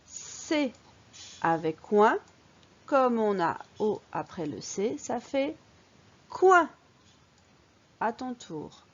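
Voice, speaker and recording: A woman teacher giving an early-reading phonics lesson, speaking slowly and clearly in a sing-song way and stressing the key words. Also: medium pitch, big pitch swings, dull audio.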